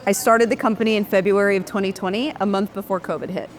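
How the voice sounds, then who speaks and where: Woman from Dallas, forties, upbeat and affirming, mid-pitched voice, faint hiss behind. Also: fairly even intonation, quick pace. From Dallas, Texas. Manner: upbeat, affirming, laughs easily. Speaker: podcast guest, company founder. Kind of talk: casual interview conversation. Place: restaurant.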